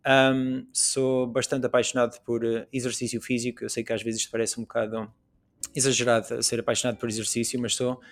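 A man's voice: mid-range voice, level tone, fairly quick. A young Portuguese man with a European Portuguese accent, a podcast guest talking casually with many fillers and restarts. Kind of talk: casual conversation.

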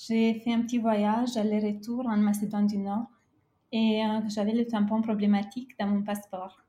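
A woman speaking as a podcast guest, telling a prepared personal travel story in a careful, halting way with frequent hesitations. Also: medium pitch, dark tone.

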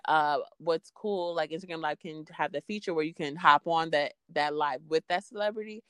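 Low-pitched woman. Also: moderate pace, fairly bright tone, clean tone, dry recording, clean studio sound. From Queens, New York. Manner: informal, peppered with "like" and "you know". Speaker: interview guest, freelance podcaster. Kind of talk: casual conversational interview.

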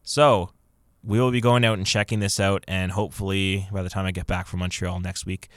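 A man's voice: deep voice, little pitch movement, fairly quick, dry recording, studio quality. A man co-hosting a casual movie podcast, reading out film news in an upbeat way. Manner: upbeat, reads news items off a list. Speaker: podcast co-host.

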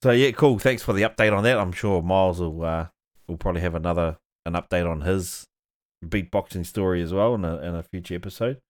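Casting: male podcast host, Kiwi accent, lower register, easygoing slangy banter. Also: fairly quick. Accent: New Zealand. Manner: laid-back, slangy, sweary banter. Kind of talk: casual chat.

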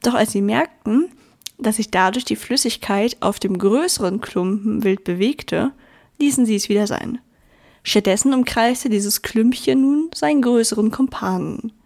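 Female storyteller, gentle bedtime reading, speaks to the listener, slightly high voice. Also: moderate pace, vocal fry.

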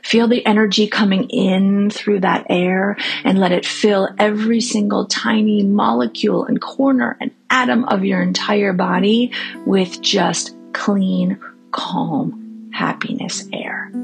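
A woman hosting a guided meditation for families and children, speaking gently and reassuringly to listeners, sometimes softening toward a breathy near-whisper. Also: mid-range voice, fairly even intonation, measured pace, soft background music.

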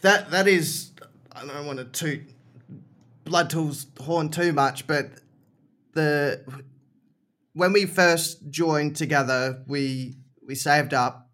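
A man's voice: a little high, takes it slowly, pauses often, fairly bright tone. A man chatting casually as a podcast guest, explaining things informally and repeating short phrases for emphasis. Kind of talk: casual chat.

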